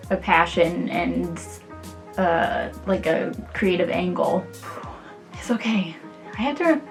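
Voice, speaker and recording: Chatty young woman vlogger. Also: mid-range voice. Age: 20s. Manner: chatty, self-deprecating, many fillers. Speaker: illustrator and vlogger. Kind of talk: casual get-to-know-me chat.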